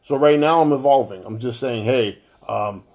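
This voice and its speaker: A man's voice: mid-range voice, moderate pace, a little mellow. A middle-aged man, talking straight to his fans in a personal monologue, blunt and heavy-hearted, swearing freely. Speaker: show host talking to fans.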